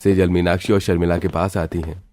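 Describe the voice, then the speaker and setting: Deep-voiced male story narrator. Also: little pitch movement, fairly quick, darkish tone, faint music behind.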